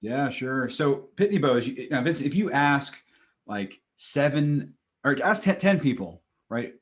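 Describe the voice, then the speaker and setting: A man's voice: mid-range voice, animated, measured pace. A man in his forties speaking as a podcast guest on a video call, explaining things conversationally with rhetorical questions. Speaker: podcast guest, marketing executive. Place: home room, video call.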